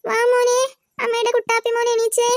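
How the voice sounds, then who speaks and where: A performer voicing a gentle young mother in a cartoon, speaking softly and coaxingly to small children. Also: very high-pitched, completely flat delivery, fairly quick, heavy background noise. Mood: soothing.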